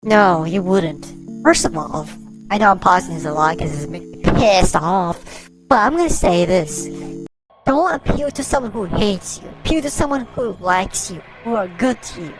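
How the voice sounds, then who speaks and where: A woman's voice: medium pitch, animated, normal speed, music in the background, rough recording. A woman speaking through a voice changer, giving blunt, exasperated, slangy reaction commentary as a host.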